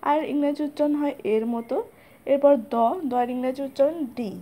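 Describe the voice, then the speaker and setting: A woman teaching a spelling lesson, spelling out letters one by one in a slow, methodical way. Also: high-pitched, fairly even intonation, mellow.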